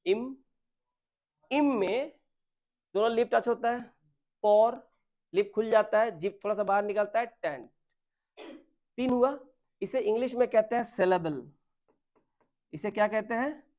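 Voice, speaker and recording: A man's voice: high-pitched, moderate pace, a little mellow. A man teaching a grammar class, asking his students questions and answering them himself, mixing in English words. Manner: mixes Hindi with English terms.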